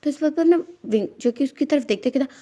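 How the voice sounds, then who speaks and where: A woman's voice: sits high, fast, mellow, no echo. A woman narrating a fan-fiction story in a chatty, casual way full of fillers. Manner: chatty, loose filler-heavy retelling. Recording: dull lo-fi dry recording.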